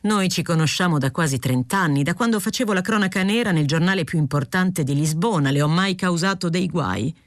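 A woman reading aloud, voicing a weary but stubborn aging male newspaper editor who speaks calmly and evenly. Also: fairly low pitch, dry recording, clean studio sound, close to an everyday voice. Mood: patient. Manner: calm, measured, feigning nonchalance.

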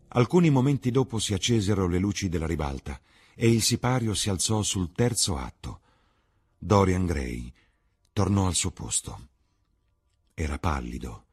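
A man reading a classic novel aloud in an expressive, theatrical way. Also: a bass voice, husky. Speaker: reader. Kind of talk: audiobook narration.

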